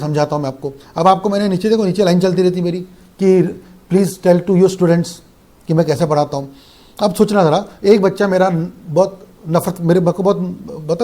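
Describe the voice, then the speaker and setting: A young man teaching law in a fast, animated online lecture that mixes in English. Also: high voice. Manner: fast-talking, animated, repetitive.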